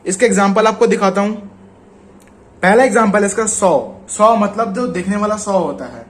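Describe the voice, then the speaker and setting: A man with an Indian Hindi accent gives a casual spoken lesson. His voice sits fairly high for a man, and he explains patiently, drawing out the example words. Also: moderate pace. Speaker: shorthand teacher.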